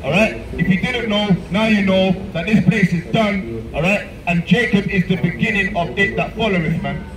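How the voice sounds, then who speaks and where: Male open-air preacher, London accent, emphatic, high voice, busy crowd behind. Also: moderate pace, few pauses. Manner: emphatic, ends lines with "man" and "all right?". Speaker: street preacher. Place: outdoors on a busy city street. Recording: echoey street sound from far off, crowd noise.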